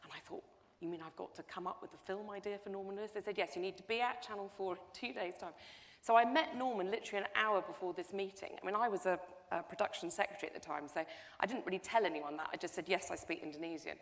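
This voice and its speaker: A middle-aged woman with a medium-pitched voice speaks quickly, telling an anecdote as a guest on a panel discussion. She's a documentary producer, and her chatty story is full of restarts. She's in a lecture hall before an audience, and the recording carries a long hall reverb.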